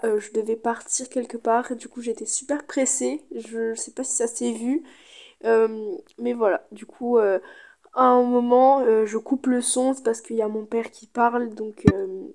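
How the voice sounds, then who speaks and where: High-voiced woman chatting over gameplay. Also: a little mellow. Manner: chatty, thinking aloud. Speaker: gaming video creator. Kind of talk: casual gameplay commentary.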